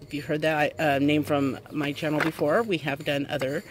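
A mother who runs a toy review channel does a casual unboxing outdoors on a wooden step beside a house, talking into a handheld phone or camera held close and piecing her explanations together as she goes. Her voice sits low with little pitch movement at a moderate pace, and the handheld outdoor recording is noisy.

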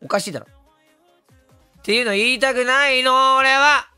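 A hoarse man, talking casually on stream, excitable and quick to laugh or yell. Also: extremely high pitch, no echo, faint music behind. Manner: excitable, switches between laughing and yelling. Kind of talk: casual stream talk reacting to comments.

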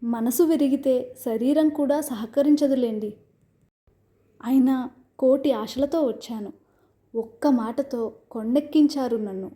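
Proud young bride with a sharp tongue, as a woman reader puts her on; slow, mellow delivery, a little high. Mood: defiant. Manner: indignant, firm. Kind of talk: storybook reading.

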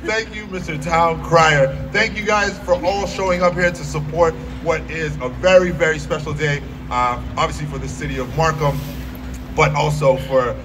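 A man serving as master of ceremonies addresses a crowd from a podium at an outdoor ceremony, mixing the speech with informal, joking asides. His voice is a little high, fairly even and at normal speed, picked up from the podium mic by a distant camera at the back of the audience, making the outdoor recording very noisy.

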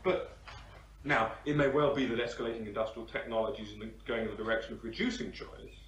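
A man's voice: lowish voice, steady tone, brisk, a bit bright. A man from the audience asking a long, searching question, hesitating as he builds his argument. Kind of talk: discussion question. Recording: roomy sound from far off the mic, faint hiss.

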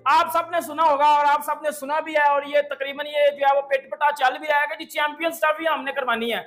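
A man's voice: extremely high pitch, steady tone, fairly quick, sharp tone, faint music behind. A young man from Pakistan giving brash, slangy, taunting cricket commentary indoors. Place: indoor room.

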